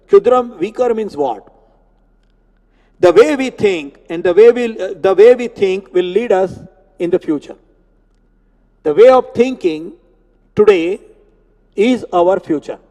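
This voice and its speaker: A man giving a spiritual discourse on scripture, explaining Sanskrit words slowly and repeating terms. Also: high voice, expressive, dark tone. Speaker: Gita teacher. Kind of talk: religious discourse. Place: temple hall. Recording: long hall reverb.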